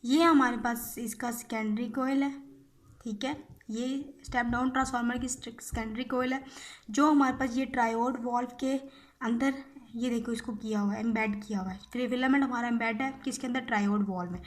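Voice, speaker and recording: Speaking at normal speed in a steady voice on the high side, a woman lectures informally on physiotherapy. Her explanations lean on repeated key phrases and frequent short tag words to check in with listeners.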